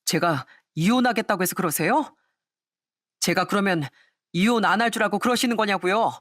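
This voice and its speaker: A woman's voice: mid-range voice, a little fast, dry recording, close to an everyday voice. Woman playing a callous middle-aged husband, defiant and curt, dry recording.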